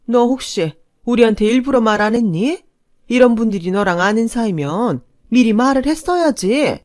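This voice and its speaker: A woman voicing a snobbish, furious middle-aged mother who scolds her son's girlfriend in a shrill, contemptuous voice. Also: lively intonation, moderate pace, darkish tone, dry recording, studio quality, close to an everyday voice. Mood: shaken accusing.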